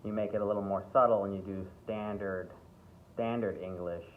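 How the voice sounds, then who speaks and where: A man teaching an acting workshop in a relaxed way. He often repeats himself and checks in with "okay?" and "right?". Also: on the low side, moderate pace. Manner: breaks into playful accent demonstrations. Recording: tinny phone-like sound with faint background hiss.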